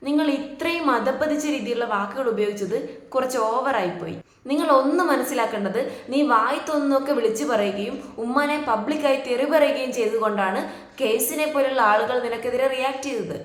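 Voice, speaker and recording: A woman speaks in a firm, lecturing tone as she comments on a video. Her voice sits fairly high. It rings with the echo of a hard-walled room. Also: a little fast. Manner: scolding, lecturing. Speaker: reaction YouTuber. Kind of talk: reaction commentary.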